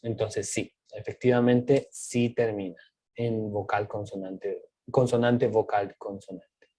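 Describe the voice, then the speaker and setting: Slow, husky male teacher. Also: lowish voice, flat delivery, dark tone. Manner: slow, patient, asks and answers his own questions. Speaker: English teacher. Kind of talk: explaining grammar rules step by step.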